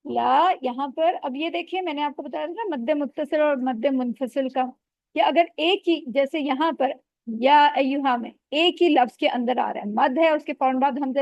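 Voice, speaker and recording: A woman teaching Quran recitation rules in an online class, patiently correcting students and modelling sounds slowly. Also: high-pitched, no echo, highs cut off.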